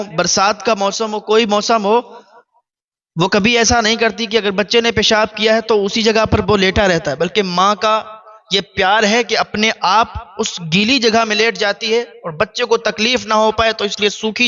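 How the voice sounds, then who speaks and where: A man's voice: high voice, pushed and bright. A man preaching a sermon, telling a moral story and urging listeners earnestly with repeated phrases. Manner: repetitive, earnest moral exhortation. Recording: dull, muffled recording.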